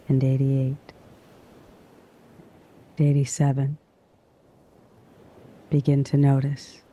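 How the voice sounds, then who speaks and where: In a medium-pitched, hushed and soothing voice, a man narrates a guided sleep hypnosis. His phrases are drawn out with long pauses between them, and the recording sounds lo-fi.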